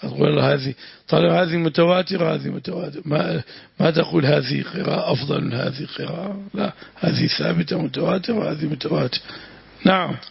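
A man teaching religious commentary in a traditional lesson, speaking deliberately and repeating phrases for his students. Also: on the high side, no echo. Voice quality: very gravelly, husky voice. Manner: deliberate, repeats phrases, adds short prayers. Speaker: sheikh teaching Quran commentary. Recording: dull, dry lo-fi room recording.

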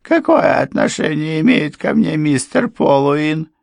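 Man putting on a shrill, tearful housekeeper. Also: animated, unhurried, creaky, a little mellow, no echo, clean studio sound, full character voice. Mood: defensive. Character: frightened, pleading middle-aged woman housekeeper.

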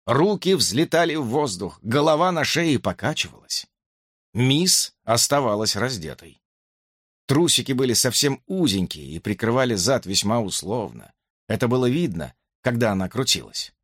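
A man reading a first-person audiobook in a lively, expressive storytelling manner. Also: medium pitch, normal speed, no echo, studio quality. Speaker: audiobook narrator.

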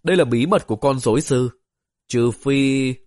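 A man voicing a proud older male puppet master in an audiobook, speaking in a lazy, haughty, deliberate way. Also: mid-range voice, darkish tone, natural voice.

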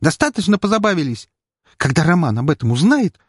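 A man voicing a frightened, indignant young woman prisoner in an audiobook, with a high-strung, protesting manner. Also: lively intonation, brisk, dark tone, husky, dry recording, studio quality. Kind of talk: audiobook character voice.

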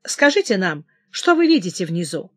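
Old admiral near death, calm and grave, dry close sound, read by a woman. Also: medium pitch, normal speed, dry recording.

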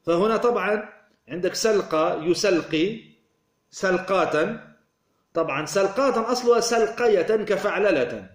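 A man's voice: high-pitched, lively intonation, moderate pace. A man teaching a grammar lesson, who asks questions and answers them himself and repeats key words as he explains. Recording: roomy echo.

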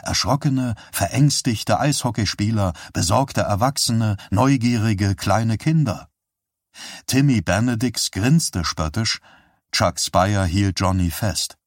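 A man reading an audiobook aloud in calm, measured scripted narration. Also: lowish voice, dry recording, studio quality. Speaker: audiobook reader.

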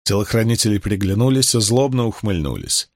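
A man's voice: lowish voice, fairly quick, no echo. Man narrating a historical novel, dry sound. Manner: steady storytelling. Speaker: audiobook narrator.

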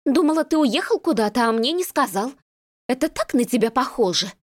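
A woman voicing a jealous young woman chattering fast and shrilly on the phone. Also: animated. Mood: irritated. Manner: rapid, shrill, accusing.

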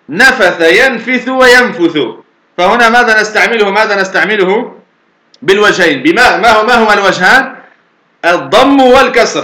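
A man teaching Arabic grammar, asking his students questions, answering them himself, and slowly drawing out example words. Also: high-pitched, sharp tone, roomy sound. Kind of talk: lecture explaining a grammar poem.

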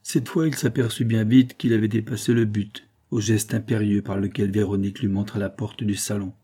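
A man narrating a nineteenth-century novel as an audiobook, in a measured, expressive reading. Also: on the low side, breathy edge.

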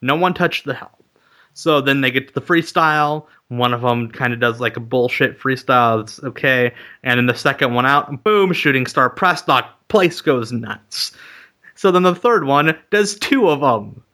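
Wry man with a bright voice. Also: mid-range voice, normal speed. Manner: wry, sarcastic, joking. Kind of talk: casual comedic chat.

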